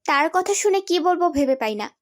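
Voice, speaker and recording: Young woman telling a story first person, high voice, dry close sound. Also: a little fast, no echo. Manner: expressive, storytelling. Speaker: narrator.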